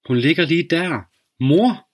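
A man's voice: lowish voice, steady tone, a bit bright. A man voicing a small, frightened little girl in a storybook reading, her cries small and trembling. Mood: crying out.

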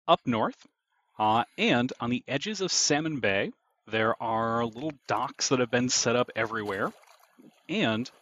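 A man's voice: medium pitch, a bit bright, a little hiss or hum. A man narrating a tabletop game as game master, in a descriptive, easygoing manner. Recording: dull lo-fi audio.

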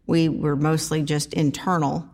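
A middle-aged woman from South Carolina speaking as an interview guest in a casual, halting, anecdotal way. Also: sits low, flat delivery, darkish tone. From small town in South Carolina, United States. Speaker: interview guest, food pantry organizer. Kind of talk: casual conversational storytelling.

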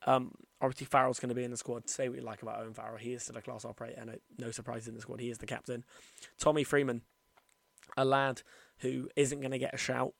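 A man's voice: medium pitch, little pitch movement, quick pace, gravelly, no room sound. A man hosting an informal solo sports podcast, giving his opinions with plenty of "you know", his speech slightly altered by wearing retainers. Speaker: podcast host.

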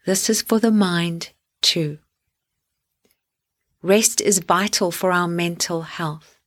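Her voice fairly low, a woman gently guides listeners through a sleep meditation. She soothes them with deliberate phrasing and long pauses.

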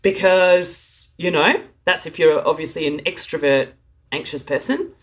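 A woman's voice: low-pitched, animated. Earnest woman speaking from the heart. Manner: earnest, emotional, halting with frequent restarts. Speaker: speaker sharing her experience of anxiety. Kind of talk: heartfelt direct-to-camera monologue.

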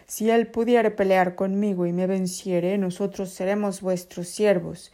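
A woman acts out a boastful giant warrior from a children's Bible story. The challenge is declaimed loudly and firmly, in a mellow voice at a middle pitch. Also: steady tone, a little slow, natural voice. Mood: defiant challenge.

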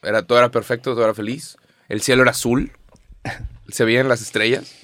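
A man's voice: medium pitch, steady tone, fast talker, fairly bright tone, no echo, studio quality. A young man with a Mexican accent co-hosting a casual podcast, slangy and chatty, telling stories. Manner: slangy, storytelling, laughs often. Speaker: podcast co-host.

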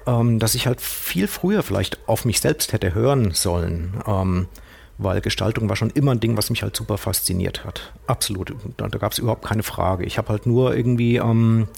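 A man's voice: on the low side, normal speed, vocal fry, darkish tone, breathy edge. A man in his forties in a casual interview, talking at length about his career with many fillers and restarts. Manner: rambling, many fillers and restarts, acts out quotes. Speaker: guest, screen printer and designer.

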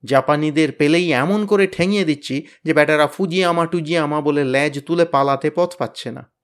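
A man voicing a bossy, blustering teenage boy who leads his gang, loud, threatening and boastful. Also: on the high side, normal speed, lightly acted. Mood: boasting. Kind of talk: storybook reading.

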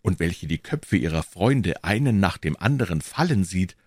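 A man's voice: sits low, big pitch swings, moderate pace, dry recording, studio quality. D'Artagnan, a man doing a fiery young Gascon. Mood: earnest. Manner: earnest, impassioned. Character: ardent, bold young Gascon swordsman.

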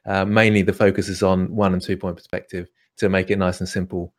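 Man, drawing teacher, lowish voice, halting, lots of ums. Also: level tone. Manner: hesitant, many ums and restarts. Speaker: drawing course instructor. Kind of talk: live online Q&A.

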